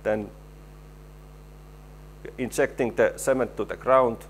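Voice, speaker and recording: A man giving a technical conference presentation, halting and repeating words as he explains his slides. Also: medium pitch, steady tone, slight background noise. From Finland. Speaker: presenter, stabilization engineer.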